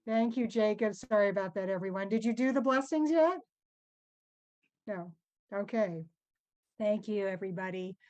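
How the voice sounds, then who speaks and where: A woman's voice: medium pitch, normal speed, pauses often, darkish tone, muffled recording. A woman leading a service, reciting blessings with casual, friendly asides. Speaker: service leader.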